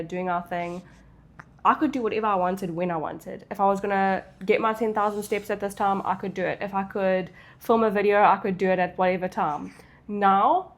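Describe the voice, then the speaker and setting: A woman from South Africa talks casually in a Q&A. She has a South African English accent and a medium-pitched voice. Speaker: content creator. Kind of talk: casual Q&A chat.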